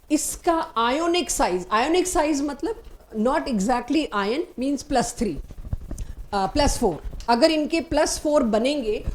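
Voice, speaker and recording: A woman's voice: fairly high pitch, darkish tone. A woman teaching chemistry in a recorded lecture, walking through each step and asking questions she then answers herself. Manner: mixes English terms into Hindi speech.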